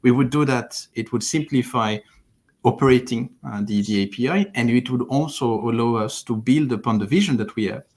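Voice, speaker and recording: Gravelly-voiced man from France explaining. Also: medium pitch, fairly quick, darkish tone. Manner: thoughtful, explanatory, with frequent restarts. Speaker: platform engineering lead. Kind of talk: livestream interview. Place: home living room. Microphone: headset over video call.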